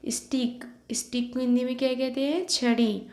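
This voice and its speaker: A woman's voice: high-pitched, steady tone, darkish tone. A woman teaching a class of young children, drawing out each sound for pupils to repeat and mixing English phrases into her Hindi. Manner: slow, drawn-out repetition for pupils to echo. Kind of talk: online lesson for young children. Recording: echoey room.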